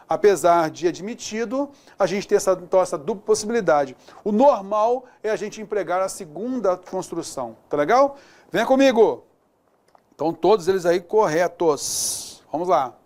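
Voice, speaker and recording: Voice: mid-range voice, a little mellow. A teacher with a Brazilian accent giving a recorded exam-prep grammar lesson, chatty and always checking in with the listener, repeating examples aloud. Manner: walks through examples aloud, repeating words.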